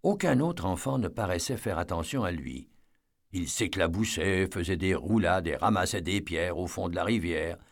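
A man narrating an audiobook with a fairly low voice. His reading is measured and expressive, paced like scripted storytelling.

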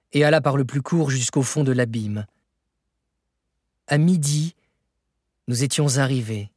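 Husky-voiced man reading a novel aloud. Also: mid-range voice, no room sound, studio quality. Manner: measured, expressive reading that rises for dramatic moments. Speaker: audiobook narrator. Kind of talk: scripted narration of a novel.

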